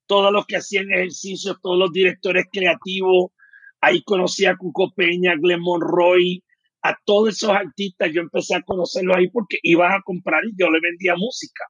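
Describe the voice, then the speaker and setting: Husky high-voiced Puerto Rican man storytelling. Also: steady tone, fairly quick, fairly bright tone, no room sound, highs cut off. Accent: Puerto Rican Spanish. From Puerto Rico. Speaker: guest. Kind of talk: storytelling interview.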